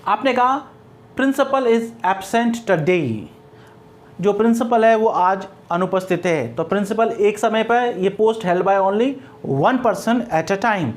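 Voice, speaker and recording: A man's voice: sits high, slow. A middle-aged man with an Indian accent teaching English grammar, explaining step by step and answering his own questions. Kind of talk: classroom grammar lecture.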